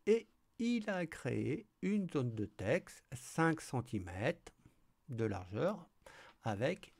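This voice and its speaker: Slow, gravelly man teaching. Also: mid-range voice. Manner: relaxed, hesitant, thinking aloud with many fillers. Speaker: tutorial host. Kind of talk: screen-recorded coding tutorial.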